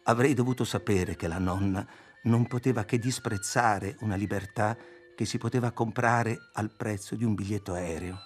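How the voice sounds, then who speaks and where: A man reading a novel aloud as the narrator, in a measured, even delivery. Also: on the low side. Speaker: audiobook reader. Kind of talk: scripted literary narration.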